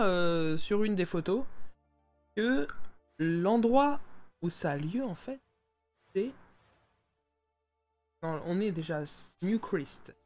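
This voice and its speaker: A young man giving casual, jokey commentary while playing a life-simulation game, often addressing viewers directly as his friends. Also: high voice. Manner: jokey, talks to viewers as "les amis". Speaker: gaming YouTuber. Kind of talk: casual let's-play commentary.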